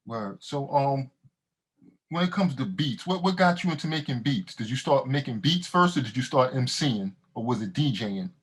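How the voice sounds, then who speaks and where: A man's voice: medium pitch, animated, moderate pace, slightly rough. A man hosting a casual interview, laid-back and slangy, with lots of affirmations. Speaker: podcast host.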